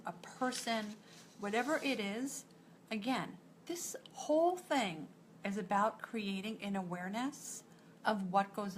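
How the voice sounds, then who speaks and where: A woman's voice: mid-range voice, slight background noise. A woman with a New York accent, a nutritionist giving a live coaching talk to an online group in a direct, encouraging way. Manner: direct, encouraging, strings thoughts with "and so".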